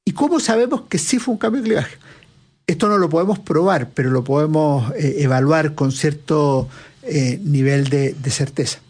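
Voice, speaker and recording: High-voiced man explaining politics. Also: moderate pace, darkish tone, breathy edge. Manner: lecturing, poses and answers own questions. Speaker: political analyst guest. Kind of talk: analytical interview answer.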